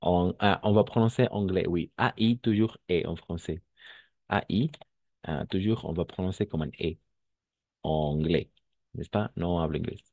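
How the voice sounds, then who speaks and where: A man's voice: deep voice, normal speed, vocal fry, no room sound, phone-quality sound. A man teaching a French lesson to Spanish speakers, patient and repetitive, checking often that students understand.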